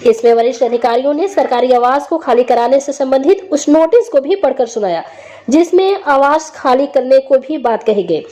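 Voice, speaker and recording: A woman delivers scripted news narration in a clearly high-pitched voice. Her tone is mellow and rounded rather than sharp, as she reports in a prepared, read manner. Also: lively intonation, normal speed.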